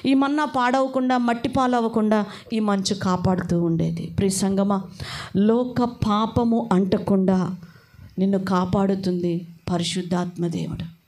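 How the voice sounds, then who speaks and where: A woman's voice: mid-range voice, fairly even intonation, unhurried, darkish tone. A woman with a Telugu accent preaching a fervent, urgent sermon that rises in exhortation.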